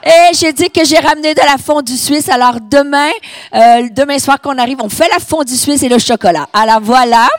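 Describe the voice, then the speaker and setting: A middle-aged woman with a Québécois accent delivers a sermon in a slightly hoarse, high voice. She speaks straight to her congregation and draws them in. The sound is dry and close. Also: normal speed, no room sound. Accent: Québécois French. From Quebec. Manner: animated, addressing the congregation directly. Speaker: guest preacher. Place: church hall.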